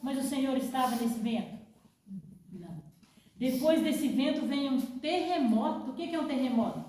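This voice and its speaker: A woman's voice: high-pitched, animated, normal speed, a little hiss or hum. Woman telling a Bible story in a hall. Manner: dramatic, drops to a hush for effect. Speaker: Bible teacher at a women's camp. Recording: echoey room, voice from far off.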